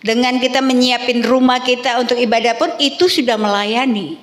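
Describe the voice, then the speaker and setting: Woman pastor, middle-aged, animated sermon delivery, high-ish voice, roomy reverberant hall sound. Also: normal speed. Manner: animated storytelling, asks the congregation questions. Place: church hall. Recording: echoey hall with long reverb.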